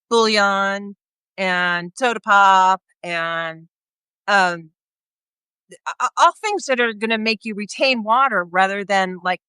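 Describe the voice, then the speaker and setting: A woman's voice: mid-range voice, pushed and bright, clear, resonant tone, no echo. A woman talking casually in a live video chat, rambling and restarting her sentences as she explains. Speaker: guest speaker on health. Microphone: video call.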